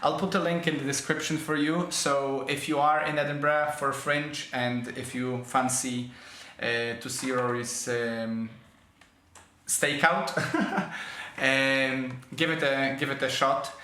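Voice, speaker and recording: A man's voice: medium pitch, fairly even intonation, bright, forceful tone, echoey room. A man hosting a podcast, talking casually and in a friendly way, with frequent fillers and restarts. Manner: friendly, chatty, halting with fillers. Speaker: podcast host.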